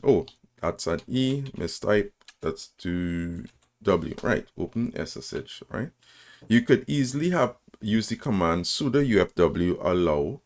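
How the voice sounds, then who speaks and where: In this low, darkish voice, a man presents a coding tutorial captured by screen recording. He talks through and spells out every command in sequence, often asking "right?" and correcting himself in small ways along the way.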